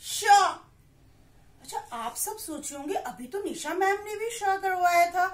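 A woman teaching a class for young children, slowly repeating words and asking questions she then answers herself, mixing English and Hindi. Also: very high-pitched, animated, echoey room. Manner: slow and drawn-out, repeats words for kids.

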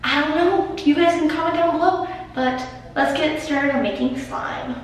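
A woman's voice: high voice, normal speed, distant mic, slight background noise. A woman vlogger giving a chatty, upbeat slime tutorial, her voice ringing with strong echo inside an enclosed hotel shower. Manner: chatty, filler-heavy, upbeat. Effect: strong echo from an enclosed shower stall. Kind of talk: casual slime-making tutorial. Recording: very echoey, from off-mic.

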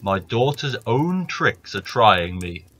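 A man voicing a menacing old giant in a storybook reading, slow and booming. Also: big pitch swings, fairly bright tone, heavily acted. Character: huge menacing old male giant, gruff.

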